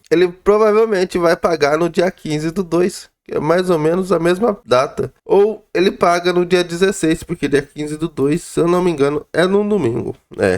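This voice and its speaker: Brazilian guy with a stuffed up cold and sore throat, kinda high voice, going through a finance report casually. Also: darkish tone. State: sore inflamed throat and head cold, congested voice with slightly impaired diction. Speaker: YouTube host reviewing real-estate funds. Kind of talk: informal financial report commentary.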